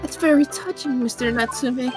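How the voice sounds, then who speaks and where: A woman's voice: high-pitched, moderate pace, voice pushed up, natural voice. A woman voicing a polite, formal young lady assistant with a pointed manner, reading a visual novel game aloud. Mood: politely probing. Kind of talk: amateur voice-over read of a visual novel game. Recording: music behind the voice.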